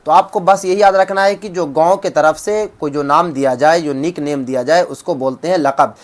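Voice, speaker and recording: A man giving an exam-prep Urdu grammar lesson, asking questions and answering them himself, repeating each definition slowly. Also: on the high side. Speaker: Urdu teacher.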